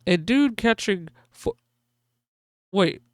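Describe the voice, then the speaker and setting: A woman hosting a live gaming stream, excitedly calling a race like a sportscaster for her viewers. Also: mid-range voice, takes it slowly, no room sound, studio quality. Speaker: livestream host.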